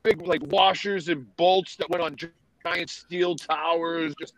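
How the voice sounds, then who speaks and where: A man from Massachusetts with a New England accent, telling loud stories as a podcast guest, swearing and laughing often. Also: on the high side, fairly even intonation, a little slow, low-quality recording. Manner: profane, laughing storyteller. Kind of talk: casual chat.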